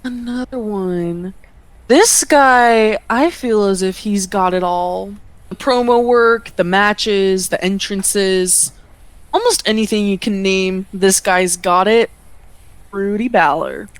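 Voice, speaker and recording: A woman's voice: medium pitch, slow pace, dry recording. A woman guest in a casual interview, gushing about wrestlers in a loose, profane way. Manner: gushing, profane fan talk. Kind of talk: casual chat.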